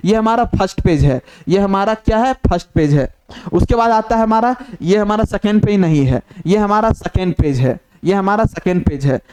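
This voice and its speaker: A high-pitched man explains a lesson step by step. He talks the way a teacher does in class, asking a question and then answering it, and he goes over each point again. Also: a little mellow, clean tone. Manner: repetitive, asks questions and answers them himself. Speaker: shorthand teacher.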